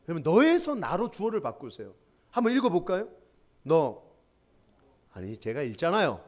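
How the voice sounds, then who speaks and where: A middle-aged male pastor preaching to young adults, with a high voice that leaps up and down across a wide range. He leads call-and-response readings and acts out his own stories. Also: wildly swooping pitch, moderate pace. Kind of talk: sermon to a young adults group.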